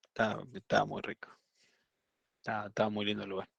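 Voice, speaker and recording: Male teacher, Argentine accent, gravelly voice, loose rambling storyteller, dry close sound. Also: on the low side, completely flat delivery, fast talker, a bit bright, no room sound, muffled recording. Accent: Argentine Spanish. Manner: chatty storytelling with many fillers and restarts. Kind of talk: casual anecdote in an online class.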